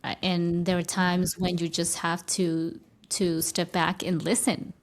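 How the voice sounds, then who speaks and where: A woman's voice: lowish voice, flat delivery, unhurried, slight background noise. A woman whose first language is Spanish, speaking English as a guest in a conversational interview, thoughtful and often restarting her phrases. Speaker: guest, spiritual teacher.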